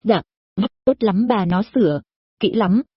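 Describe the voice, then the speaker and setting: A woman's voice: mid-range voice, lively intonation, measured pace, breathy edge, no echo. A woman voicing a flustered young married woman who stammers and answers deferentially in an audio story. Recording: dull lo-fi recording.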